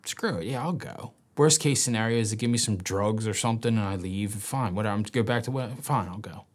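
A man's voice: lowish voice, brisk. A man speaking in an interview, telling his own story candidly. He sometimes drops to a near whisper and acts out quoted voices with animation. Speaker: interview guest. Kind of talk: personal storytelling.

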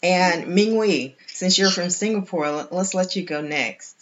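A woman with a lowish voice hosts a round-table podcast. She introduces her guests in a formal, measured way, pausing now and then. The sound is dull and lo-fi. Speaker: host.

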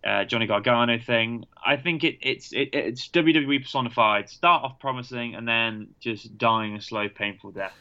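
Guy venting about wrestling, sharp bright voice, kinda muffled lo-fi mic. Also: medium pitch, normal speed, few pauses, clear, resonant tone. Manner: exasperated, stammering restarts. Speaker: podcast co-host. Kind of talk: casual wrestling chat.

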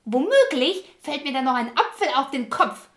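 An actress playing a lazy, selfish young stepsister who talks in a whiny, snappy way. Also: female voice, sits high, very animated, normal speed, fairly bright tone. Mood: bratty. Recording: echoey room.

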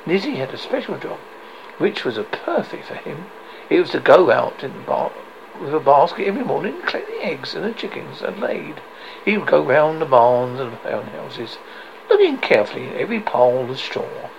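A person reading a story aloud as a narrator, in a halting way that often stumbles over and repeats words. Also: mid-range voice, gravelly, dull audio, a little hiss or hum.

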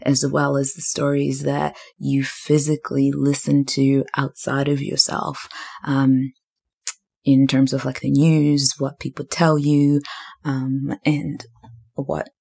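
A young woman from Zimbabwe and New Zealand hosts a solo podcast, thinking aloud and rambling with lots of fillers. Her voice is a low rumble, gravelly, husky and darkish in tone.

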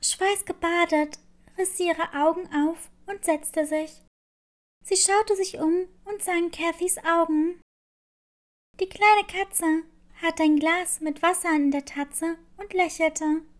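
High-voiced, slow woman storyteller. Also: fairly even intonation. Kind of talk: scripted children's story narration.

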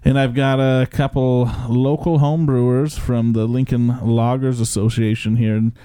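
A man's voice: mid-range voice, level tone, moderate pace, warm tone, smooth, no room sound. A man hosting a casual podcast from his basement home studio, upbeat and chatty, often restarting his sentences. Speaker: podcast host. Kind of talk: casual chat.

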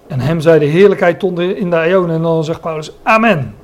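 A man's voice: fairly high pitch, brisk. A man preaching a Bible sermon, often stopping to search for words and restate a phrase, and explaining the meanings of Greek words.

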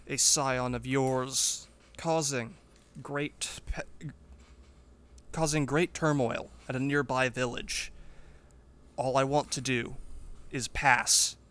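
A man's voice: mid-range voice, fairly bright tone. A man playing a humble but resolute wandering warrior in a tabletop game, speaking formally and earnestly.

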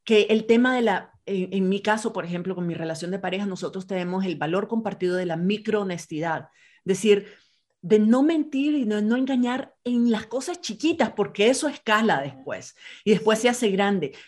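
A woman hosts a podcast conversation. She sets out her views point by point in a reflective, conversational tone, with a voice of ordinary pitch for a woman. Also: expressive, moderate pace, darkish tone. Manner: reflective, explains ideas point by point. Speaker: podcast host. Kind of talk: casual conversation.

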